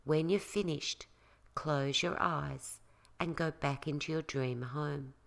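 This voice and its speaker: A woman narrating a scripted guided self-help meditation in a calming, instructional way, leaving pauses between phrases. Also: deep voice, vocal fry.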